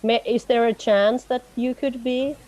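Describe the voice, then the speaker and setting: A woman's voice: fairly high pitch, fairly even intonation, measured pace, mellow, low-quality recording. A woman facilitating an online meeting, friendly and laughing often as she coaxes people to speak. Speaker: session facilitator.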